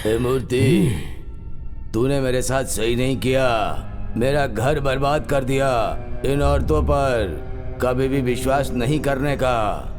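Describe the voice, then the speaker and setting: A man's voice: mid-range voice, slow, a little mellow, faint music behind, lightly acted. A man dubbing a bitter friend who lectures about distrust, in a film dub.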